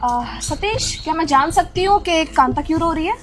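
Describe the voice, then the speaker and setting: A woman's voice: extremely high pitch, expressive, normal speed. A woman playing a stern, indignant rich wife. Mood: accusing. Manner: scolding, commanding, indignant. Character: wealthy wife and employer, stern and protective. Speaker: lady of the house. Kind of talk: social-media melodrama acting.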